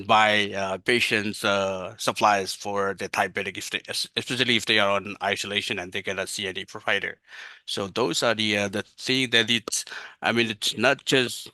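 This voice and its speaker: Male outreach worker, panel answer, hesitant, slightly low, dry close sound. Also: pushed and bright, no room sound. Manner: halting, many restarts and fillers. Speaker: health department outreach worker.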